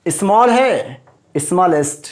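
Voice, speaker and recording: Grammar teacher guy, bit high voice, keeps repeating words and quizzing you. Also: darkish tone. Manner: emphatic, repeats terms and quizzes the viewer. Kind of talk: classroom grammar lesson.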